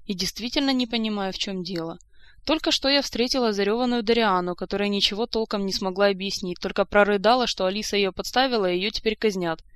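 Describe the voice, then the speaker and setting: A woman's voice: medium pitch, quick pace, fairly bright tone, clean tone, dry recording, close to an everyday voice. A woman reading the lines of a sensible, kind young court lady who speaks earnestly.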